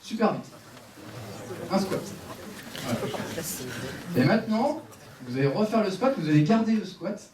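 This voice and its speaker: At a live sports conference talk, a man uses a headset mic while directing the audience through exercises and cracking jokes. His high voice is expressive, a little slow, and full of pauses, with a crowd audible behind him. The recording is echoey and distant, with faint room noise.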